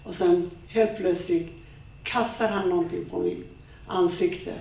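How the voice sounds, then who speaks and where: A middle-aged woman and women's rights activist delivering a personal testimony from a stage, telling it in slow, halting, emotional phrases. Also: on the low side, fairly even intonation, darkish tone. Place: stage in a large room. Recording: echoey room, speaker far from mic.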